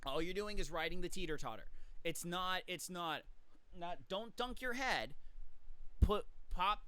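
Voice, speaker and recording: A man talks through swimming drills in a casual, coaching way, counting kicks aloud as he goes. His voice sits high and sounds smooth and clean. The recording is dry and close, with no room echo. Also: expressive, a little slow, pushed and bright. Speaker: swim coach. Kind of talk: casual instructional talk.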